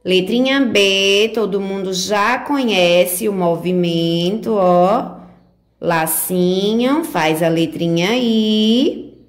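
Over a remote lesson, this Brazilian woman walks small children through each stroke of their letters. She speaks slowly in a medium-pitched, sing-song way, sprinkling in plenty of diminutives.

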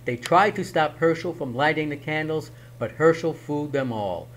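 A man reading a children's picture book aloud in an expressive, dramatic way. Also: a little high, normal speed, rough recording. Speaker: storyteller.

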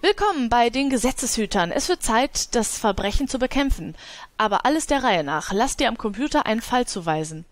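A woman's voice: a little high, expressive, brisk, faint music behind. A woman giving casual let's play commentary, chatting to her game characters and laughing often.

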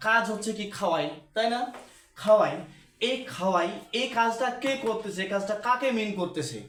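High-voiced man teaching grammar, echoey room. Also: animated, a little fast, fairly bright tone. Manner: asks questions and repeats key terms for students. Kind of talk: classroom grammar lesson.

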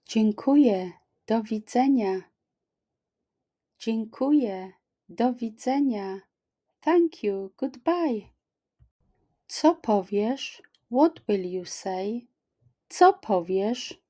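A middle-aged woman teaching language, repeating each phrase slowly and clearly, at home on a webcam. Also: on the high side, expressive, mellow. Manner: slow, careful, clearly articulated repetition. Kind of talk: extra slow language lesson, repeating phrases.

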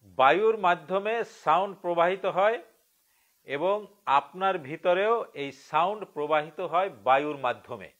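A man from Bangladesh teaching meditation in a live-streamed spiritual lecture, speaking slowly and deliberately, drawing out key words and putting questions to his listeners. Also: high voice, expressive, fairly bright tone, muffled recording.

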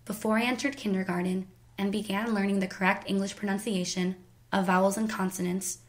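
Twenty-something american woman reading her family story, slow and careful, mid pitch. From United States. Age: 20s. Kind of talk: scripted personal narration.

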